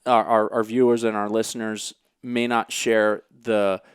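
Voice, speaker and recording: A male podcast host with a smooth, resonant voice, recorded dry and close. He talks with enthusiasm, often restarting his sentences and filling pauses as he leads the interview. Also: on the low side, level tone, no room sound. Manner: enthusiastic, frequent fillers and restarts. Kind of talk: casual interview.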